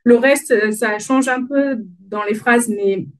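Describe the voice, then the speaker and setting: A woman's voice: on the high side, slow, poor audio. Hesitant woman with a Dauphinois accent. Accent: Dauphinois French. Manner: friendly, hesitant, many fillers and restarts. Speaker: conference speaker. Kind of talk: conference talk with slides.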